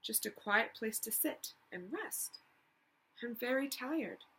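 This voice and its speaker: A woman's voice: fairly high pitch, lively intonation, takes it slowly, sharp tone, breathy edge, heavily acted, poor audio. A woman voicing a needy storybook boy who has grown into a sad, weary man, plaintive and demanding.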